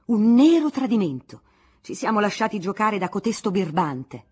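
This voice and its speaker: Angry councillors yelling accusations, woman reading, husky, swooping pitch. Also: big pitch swings, takes it slowly, exaggerated voice. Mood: outraged. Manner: shouting.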